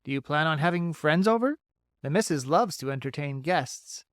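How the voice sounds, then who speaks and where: A man's voice: on the high side, lively intonation, normal speed, fairly bright tone, dry recording, clean studio sound. A man voicing a friendly, talkative male beaver who eagerly gives folksy advice in an audiobook. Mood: chatty. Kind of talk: audiobook character voice.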